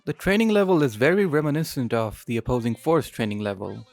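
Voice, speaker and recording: A man with a mid-pitched voice narrates a scripted game retrospective as a reviewer. Music plays behind his commentary. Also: very animated, fairly quick, gravelly, a little mellow. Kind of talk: scripted video essay narration.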